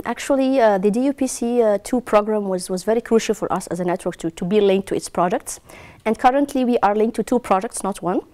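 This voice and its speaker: A woman from Egypt in her forties, answering interview questions in a measured way with many pauses. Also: medium pitch, dark tone. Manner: measured, with frequent hesitations. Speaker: interviewee, network manager. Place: indoor room.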